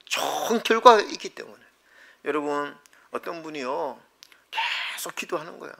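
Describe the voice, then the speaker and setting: Man, pastor, church sermon, dramatic swings from loud cries to whispers, piercing bright tone, fairly high voice. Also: lively intonation, moderate pace, creaky. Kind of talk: Sunday sermon. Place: church sanctuary.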